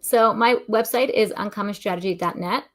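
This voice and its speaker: A woman's voice: medium pitch, moderate pace. A woman guest in a casual interview, speaking in a friendly, practical way. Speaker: guest, tech consultant.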